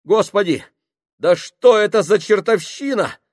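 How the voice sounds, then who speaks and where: A man voicing a terrified, panicking male sailor who shouts frantically in a high strained voice. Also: big pitch swings, measured pace, dry recording, clean studio sound, full character voice. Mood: panicked.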